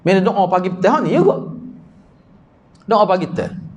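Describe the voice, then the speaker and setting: Lively Kelantanese Malay religious teacher. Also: male voice, high-pitched, normal speed, highs cut off. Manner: conversational, explaining terms and asking his class questions. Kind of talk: hadith study class.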